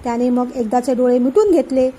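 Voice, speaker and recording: A woman narrating a family novel aloud, expressive and acting out each character. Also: sits high, fairly quick. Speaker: story narrator. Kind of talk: storytelling read-aloud.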